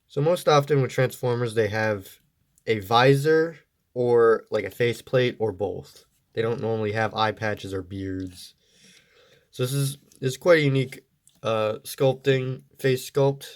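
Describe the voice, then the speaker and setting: A man with a stuffy, congested voice giving a casual, meandering toy review. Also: on the low side. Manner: easygoing, meandering explanations.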